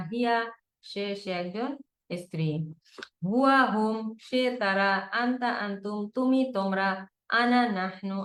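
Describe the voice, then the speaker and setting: A woman teaching an online Quranic Arabic lesson, drilling words by repetition and reciting Arabic slowly. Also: fairly high pitch, fairly bright tone, reverberant.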